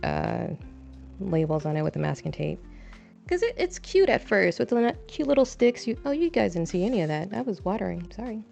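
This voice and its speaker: Planting seeds on her balcony at home, a young woman livestreams casual, meandering chat full of self-deprecation. She speaks in a mid-range, creaky, slightly mellow voice. The desk mic picks up her braids brushing against it, and the lo-fi audio is dull with faint background music.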